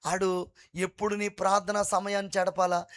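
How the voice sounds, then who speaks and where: A man preaching a fervent sermon at an all-night prayer meeting, repeatedly calling on the congregation to praise God loudly. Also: high-pitched, little pitch movement, normal speed. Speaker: pastor.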